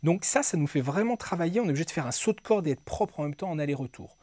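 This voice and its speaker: Quick-paced and expressive, a man with a slightly high, mellow voice gives a guitar lesson, counting beats aloud while demonstrating exercises and explaining them. He's recorded on a close mic with no room sound, clean electric guitar in the background.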